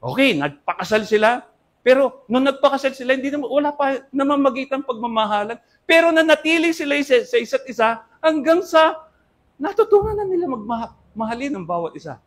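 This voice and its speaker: A man's voice: very high-pitched, very animated, brisk. An older Filipino man preaching a sermon, speaking politely to his congregation and often asking them for an amen. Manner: addresses audience with polite po and asks Amen po ba.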